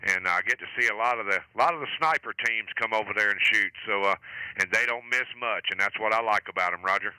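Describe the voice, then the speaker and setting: A man hosts a radio net in a very bright, forceful voice, crisp and dry on a close mic. He chats informally and chummily, dropping in radio procedure words. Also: fairly low pitch, fast talker, dry recording, rough recording. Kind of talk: casual amateur radio net chat.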